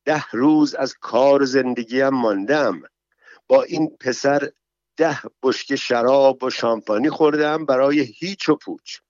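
A man's voice: mid-range voice, no echo, natural voice. A man reading the lines of an angry young female cabaret dancer, in an indignant, complaining manner. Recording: dull, dry, slightly muffled sound.

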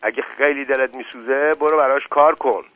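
A man's voice: mid-range voice, steady tone, dry recording, pitched above the performer's own voice, natural voice. A man voicing a crude, scornful street tough, in a dry, phone-like recording. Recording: dry, phone-like narrow sound.

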